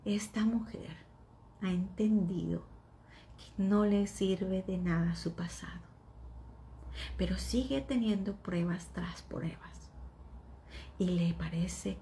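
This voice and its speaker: A woman delivers a devotional sermon at an unhurried pace, her voice gravelly with fry. She speaks softly and earnestly, often sinking into a near whisper. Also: medium pitch, slight background noise.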